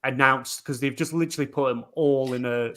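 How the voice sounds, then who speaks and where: Man, podcast panelist, casual chat, matter-of-fact, medium pitch. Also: steady tone, a little fast, pushed and bright. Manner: matter-of-fact, supplies names and dates.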